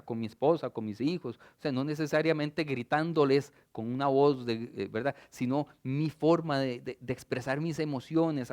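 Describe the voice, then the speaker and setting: A middle-aged male pastor, preaching an expressive sermon and asking the congregation questions. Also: medium pitch.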